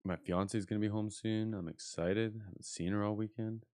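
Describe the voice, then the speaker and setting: A man's voice: on the low side, fairly even intonation, normal speed, dark tone, smooth, no room sound. Casual male live streamer, dry sound. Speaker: live streamer reacting to a video. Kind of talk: casual chat and reaction.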